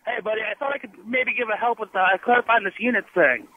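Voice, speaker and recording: A man calling in to a radio show on an old flip phone, friendly and explaining in quick, hesitant bursts. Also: sits high, breathy edge. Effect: old flip phone call. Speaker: caller. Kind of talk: casual call-in chat. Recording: tinny phone line.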